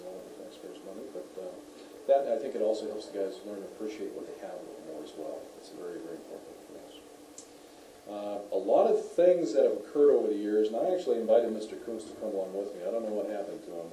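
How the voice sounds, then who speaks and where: A man's voice: fairly low pitch, background noise. A middle-aged man, a police officer, telling stories to local residents in a chatty way with many fillers and restarts. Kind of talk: anecdotal community talk. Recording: echoey room, voice heard from a distance.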